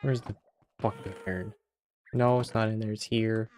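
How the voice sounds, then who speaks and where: A man's voice: on the low side, fairly even intonation, moderate pace, a little mellow, slight background noise. A young man from Sweden, chatting casually and swearing often while streaming a game. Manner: swears a lot and laughs at his own jokes. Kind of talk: casual gaming stream chat.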